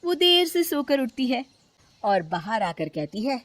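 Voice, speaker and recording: A woman narrating a scripted cartoon moral story in an expressive storytelling style. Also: fairly high pitch, unhurried, no room sound. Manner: animated, expressive.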